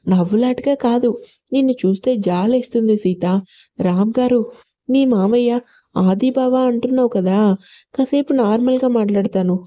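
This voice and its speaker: Woman doing soft coaxing young husband, dark mellow voice, lo-fi sound. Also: on the high side, normal speed, lightly acted. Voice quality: gentle, coaxing. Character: tender devoted young husband. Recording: lo-fi audio.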